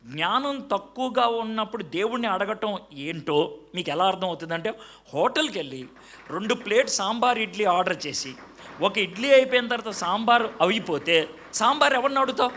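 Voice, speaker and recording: Animated high-voiced male preacher. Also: brisk. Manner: lively preaching that mixes in English phrases and acts out little dialogues. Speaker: evangelist preacher. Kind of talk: sermon.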